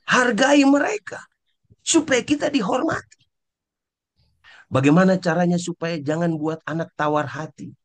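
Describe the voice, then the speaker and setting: Preacher, male, higher-pitched and lively, drops low then shouts to drive points home, mimics angry parents. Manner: swings from low and soft to sudden high shouts; acts out scolding parents in quoted asides. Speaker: pastor. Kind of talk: sermon.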